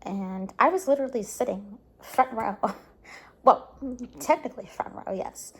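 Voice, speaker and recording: A woman's voice: a little high, animated, measured pace, breathy edge. A woman recapping a concert in a casual vlog to camera at home, gushing and full of "like" and "um" fillers, sometimes dropping to a near-whisper, and tired. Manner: soft, drops into quiet near-whispers at times. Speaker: vlogger.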